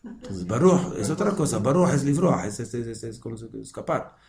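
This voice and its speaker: A man's voice: medium pitch, expressive, moderate pace, vocal fry, darkish tone, reverberant. A man teaching a casual religious class as a rabbi, asking rhetorical questions as he explains. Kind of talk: informal religious lesson.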